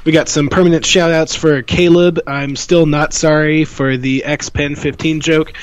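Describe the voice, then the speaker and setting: A man's voice: on the high side, little pitch movement, a little slow, lo-fi sound. A man co-hosting a casual gaming podcast, a little hesitant, reading out the support plugs. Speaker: podcast co-host.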